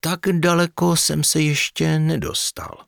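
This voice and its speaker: A man voicing an excitable young male elf who blurts out ideas. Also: on the high side, gravelly, no echo, clean studio sound, pitched above the performer's own voice, exaggerated voice. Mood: excited. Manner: excited exclaiming.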